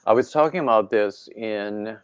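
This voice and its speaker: Hosting a casual livestream, a man rambles in a relaxed way and reads viewers' comments aloud, his throat a little congested. His voice is fairly low, smooth and at normal speed, with no echo.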